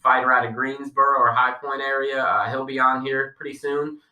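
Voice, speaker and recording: A man with a deep Southern US accent, chatting casually as a podcast co-host. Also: steady tone, a little fast, pushed and bright. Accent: Southern US drawl. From Long Island, later North Carolina. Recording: roomy echo, distant mic.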